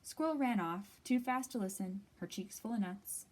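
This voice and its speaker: Reading a children's picture book aloud as a storytime host, a woman with a medium-pitched voice performs phrases expressively. Her delivery is deliberate, punctuated by dramatic pauses.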